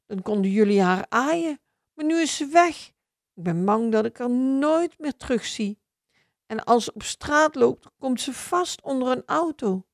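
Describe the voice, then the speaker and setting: A woman's voice: fairly high pitch, vocal fry, no echo, studio quality, voice pushed up. A woman voicing a young schoolgirl who is tearful and pleading over her lost pet.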